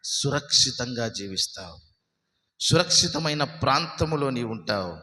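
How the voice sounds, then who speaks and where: A man preaching a sermon as pastor, asking his listeners question after question and swinging between loud emphatic peaks and low, soft lines. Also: lively intonation, moderate pace, long reverb tail. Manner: preaching with many rhetorical questions. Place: church hall.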